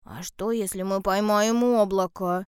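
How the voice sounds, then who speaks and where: A woman voicing a timid young male bear cub in a storybook reading, soft and hesitant. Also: mid-range voice, fairly even intonation, unhurried, smooth, no echo, studio quality, natural voice. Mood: wondering. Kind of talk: storybook character voice.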